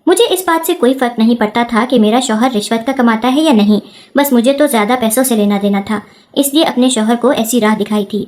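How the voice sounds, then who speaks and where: Woman storyteller, first-person scripted narration, steady delivery, fairly high pitch.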